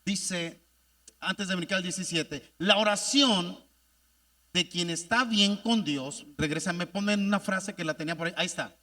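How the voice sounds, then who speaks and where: Emphatic high-voiced pastor preaching. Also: male voice, moderate pace, sharp tone, in a large hall, far from the mic. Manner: emphatic, calls out to the congregation. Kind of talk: sermon.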